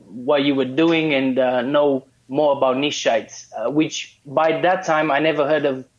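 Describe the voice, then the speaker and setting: Over muffled, lo-fi call audio, a Romanian course student guesting in a casual interview speaks with a steady, mid-range voice, a little slow. His answers come hesitantly, packed with fillers and restarts.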